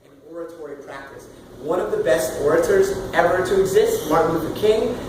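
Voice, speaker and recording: A man in his thirties leading a casual singing workshop, loud and animated, swearing now and then and demonstrating sounds as he explains. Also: a little high, fairly quick. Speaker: vocal coach. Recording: roomy, far from the mic, with room noise.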